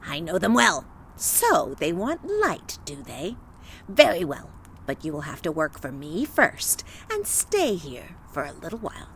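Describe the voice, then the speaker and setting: A woman voicing a fearsome old forest witch in a storybook reading, speaking in a gruff, mocking, menacing voice. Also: lowish voice, huge pitch swings, a little slow, slight background noise, pitched below the performer's own voice, heavily acted.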